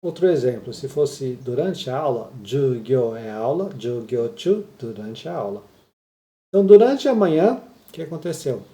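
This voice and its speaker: A man teaching Japanese in a patient, explanatory way, constantly checking in with his students. His voice is gravelly and dark. He sounds like he is in a room that echoes. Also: mid-range voice, animated, moderate pace, few pauses. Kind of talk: explaining a listening lesson.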